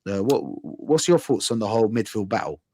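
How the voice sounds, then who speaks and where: A man's voice: on the low side, animated, brisk, mellow, no room sound. A man with a London roadman accent hosting a casual football fan live stream, using urban slang and repeating phrases for emphasis.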